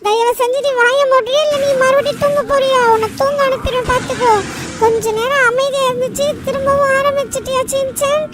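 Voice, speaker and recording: Squeaky possessed cartoon boy. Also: fairly even intonation, a little fast. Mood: boastful. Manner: boastful, threatening, shouting at others. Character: small cartoon boy's body ruled by an evil power, boastful. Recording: distant voice under loud game noise.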